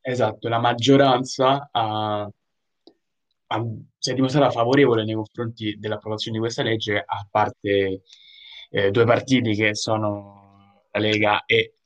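A man's voice: on the low side, flat delivery, measured pace, highs cut off. A young man co-hosting a casual news chat, talking in a loose, digressive way and breaking into laughter now and then. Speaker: co-host.

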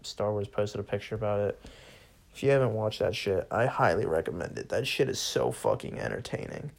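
A man's voice: on the low side, big pitch swings, brisk, creaky. A young man hosting a solo podcast, ranting casually and sarcastically with lots of swearing. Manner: profane, bored and sarcastic, laughs often.

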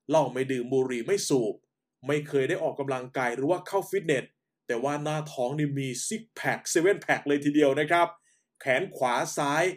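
Guy with a kinda high voice, easygoing radio host telling a story slowly and politely. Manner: calm, unhurried storytelling with polite particles. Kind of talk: radio-style narration.

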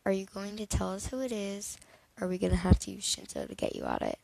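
A woman's voice: medium pitch, wildly swooping pitch, fast talker, gravelly, warm tone, dry recording, heavily acted, low-quality recording. A woman voicing a stern middle-aged male teacher in a fan fiction reading, giving firm instructions.

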